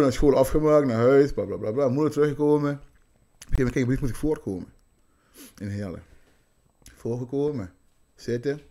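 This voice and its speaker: A man's voice: medium pitch, vocal fry. A man from Curaçao telling school stories on a podcast, acting out the dialogue as he talks. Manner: animated anecdotes, acting out quoted dialogue. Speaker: podcast guest. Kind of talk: casual storytelling chat.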